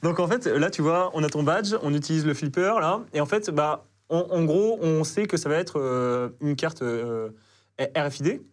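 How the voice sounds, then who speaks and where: A man appearing as a guest cybersecurity expert. He gives relaxed, casual explanations with lots of hesitation fillers. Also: a little high, normal speed. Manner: laid-back explainer, many fillers.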